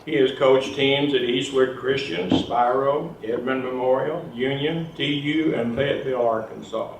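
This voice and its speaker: A man reads a prepared introduction for a speaker. The sound is distant and echoey, with clear noise around his voice. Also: mid-range voice, fairly even intonation, moderate pace. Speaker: introducer at a luncheon. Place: luncheon hall. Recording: echoey room, distant mic, noisy with clicks.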